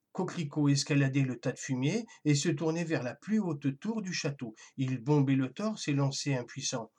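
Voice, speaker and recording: A storyteller giving a gentle, expressive scripted narration of a children's tale, with a husky voice. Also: mid-range voice.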